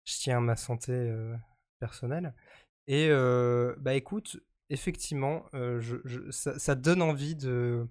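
A man's voice: medium pitch, a little slow, darkish tone. A man co-hosting a casual podcast chat, talking with many fillers and restarts. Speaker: podcast co-host.

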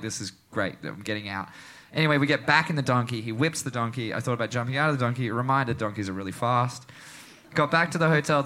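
A man's voice: mid-range voice, sharp tone. A man, a guest musician telling a long story on stage at a live comedy show and acting out the other people's lines. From Australia.

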